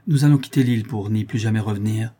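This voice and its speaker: A wounded young man of the people, somber and terse, brushing off his injuries, as a man reading the story voices him. The timbre is dark and husky. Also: on the low side, fast.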